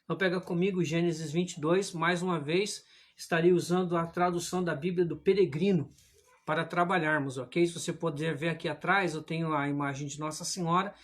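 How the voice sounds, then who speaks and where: A man preaching a livestreamed sermon indoors, reading scripture aloud in a measured way and calling his listeners brothers. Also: a little high, a bit bright. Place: indoor room at home, religious images behind him. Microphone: livestream camera.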